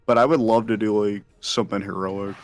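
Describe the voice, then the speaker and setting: A man's voice: lowish voice, fairly even intonation, fairly quick, dry recording. A young man, a voice actor, chatting casually with lots of fillers in a group call.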